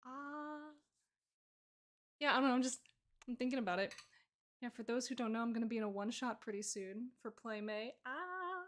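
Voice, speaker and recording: A woman art streamer chatting casually and playfully while she draws, joking and laughing with her viewers. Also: fairly high pitch. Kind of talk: casual chat while drawing.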